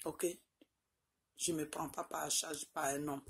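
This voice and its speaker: Speaking in a low, gravelly voice with a flat, slow delivery, an Ivorian woman in middle age talks directly into her phone, held at arm's length in a small room. Her Ivorian French accent is clear as she presses her points and keeps adding "Ok?" tags. A slight hiss or hum sits under the audio.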